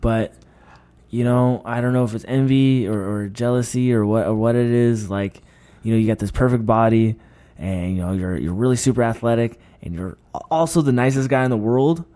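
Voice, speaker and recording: A man's voice: medium pitch, normal speed, dark tone. A man co-hosting a casual fight podcast, sleepy and profane, musing in a laid-back way. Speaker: podcast co-host. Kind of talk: casual chat about fights.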